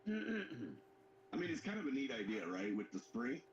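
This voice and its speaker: A man's voice: mid-range voice, very animated, measured pace, highs cut off. A man co-hosting a live hobby show, making dry, joking remarks about his model. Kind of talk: casual chat. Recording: roomy sound with faint background noise.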